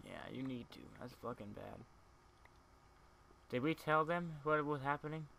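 A man's voice: a little high, normal speed, gravelly, background noise. A man chatting casually and teasing his friends while playing a block-building game, swearing freely. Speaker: let's play gamer. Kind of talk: casual gaming chat.

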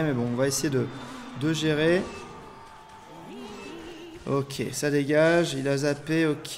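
A young man commentating his own mobile strategy game, swinging between low muttering and loud, swearing outbursts. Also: a little hiss or hum. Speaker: gaming YouTuber. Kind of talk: live gameplay commentary. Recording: faint game music behind.

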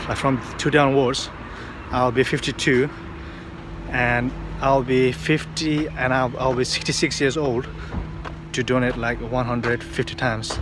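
A man in his thirties vlogs casually to a phone held at arm's length, partly on city streets and partly in a car, with street and car noise clearly audible. He speaks unhurriedly in a flat, even pitch, rambling through fillers and restarts.

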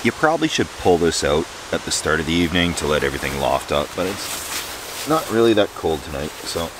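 A very deep-voiced man in his forties talks to a nearby camera with dry, wry asides while filming a casual camping vlog outdoors in the woods, at night and in the morning. The background is noisy.

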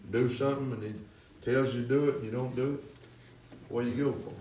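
A man's voice: medium pitch, steady tone, quick pace, darkish tone, a little hiss or hum. Church man exhorting in echoey room. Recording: echoey church, distant mic, crowd responses.

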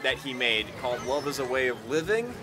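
A man hosting a casual gaming stream, chatting and yelling at the game as he plays. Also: mid-range voice, a little fast. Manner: excitable, yells and laughs at game moments. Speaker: streamer host. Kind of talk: casual chat while gaming. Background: background game music.

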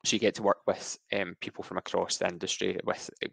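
A young Scottish man in his twenties, a graduate civil engineer presenting his work to students over a video call with steady explanations. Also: deep voice, fast talker, vocal fry, slightly rough, no room sound. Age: 20s.

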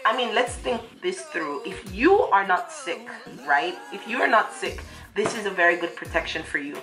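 A woman's voice: medium pitch, big pitch swings, moderate pace, reverberant, over music. A woman vlogger chatting casually while speaking through a face shield she is demonstrating. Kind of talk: casual product review vlog.

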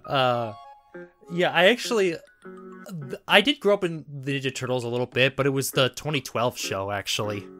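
A man in his twenties hosting a casual chat, animated and giggly, acting out little quotes as he talks. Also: mid-range voice, moderate pace, faint music behind. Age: 20s. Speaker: podcast host.

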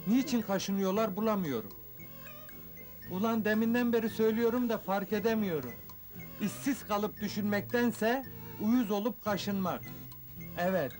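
A middle-aged small-town fake doctor, earnest and wry. His voice is high for a man. It is old comedy film acting with music behind it.

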